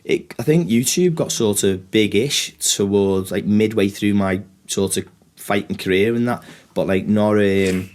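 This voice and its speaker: A man's voice: fairly low pitch, a little slow. A middle-aged man with a northern English accent chatting casually and telling stories animatedly, with plenty of swearing. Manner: animated storyteller, acts out exchanges, swears freely. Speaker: podcast guest, former fighter and trainer. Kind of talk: casual podcast chat.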